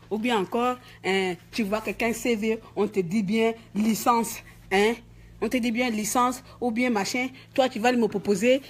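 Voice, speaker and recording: Indignant husky woman ranting. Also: a little high. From Gabon. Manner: emphatic, indignant, dramatic storytelling with repeated "hein". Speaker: vlogger. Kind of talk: ranting monologue to camera.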